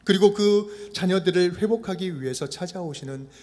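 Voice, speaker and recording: A male pastor preaching a sermon in an expressive style. He repeats phrases in a steady rhythm and acts out the quotes he cites. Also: high-pitched, moderate pace. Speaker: senior pastor. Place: church sanctuary. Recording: reverberant church livestream.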